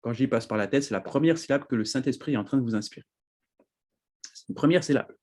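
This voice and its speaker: Husky man teaching with animated emphasis. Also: mid-range voice, fast. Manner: animated, laughs often, repeats "d'accord?" to check in. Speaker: preacher. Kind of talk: teaching sermon.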